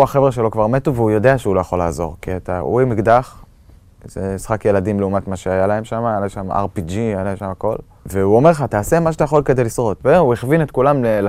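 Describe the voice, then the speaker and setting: A young man from Israel giving a halting personal testimony of surviving an attack, with many fillers and restarts. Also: lowish voice, darkish tone, no echo. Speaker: eyewitness recounting an attack.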